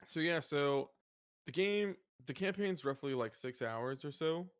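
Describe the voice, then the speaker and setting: A man's voice: fairly high pitch, animated, measured pace, smooth, no echo, studio quality. A man co-hosting a podcast in casual, conversational chat. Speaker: podcast co-host.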